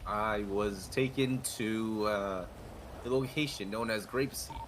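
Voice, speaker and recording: A man doing an oddly mechanical adult man, speaking in stiff, formal phrases with a low, level voice. He delivers every line like a machine reading out a status report, in game role-play. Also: a little slow, a little hiss or hum, lightly acted, poor audio. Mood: stiff robotic.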